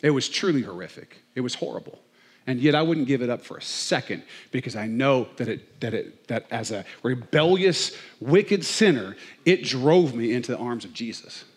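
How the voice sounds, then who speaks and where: Animated man preaching a sermon. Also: medium pitch, normal speed, husky. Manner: lively, conversational preaching with comic asides. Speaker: pastor. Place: church.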